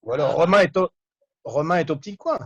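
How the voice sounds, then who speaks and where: A man with a fairly high voice plays the word judge on a homemade game show over a video call. He teases and heckles the host in quick, casual banter. When he rules on a word he reads its meaning out plainly. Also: animated, breathy edge, dull audio.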